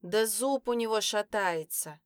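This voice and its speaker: A woman's voice: medium pitch, expressive, measured pace, smooth, no echo, lightly acted. A woman voicing a bossy, teasing older sister with a sly, taunting manner. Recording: dry close recording.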